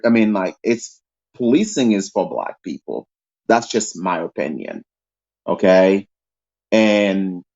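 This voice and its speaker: On a muffled recording, a Haitian man speaks as a panel guest on a call-in show in a lowish, darkish voice. He's long-winded and opinionated and keeps tagging his points with "okay?".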